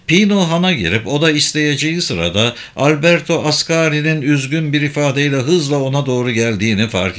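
A man narrating an audiobook in a measured, somber reading. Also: mid-range voice, a bit bright.

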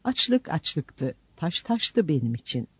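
A man's voice: on the high side, very animated, slow pace, a bit bright, breathy edge, no echo. A man narrating a story in the first person, reading it expressively. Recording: dull lo-fi recording, dry.

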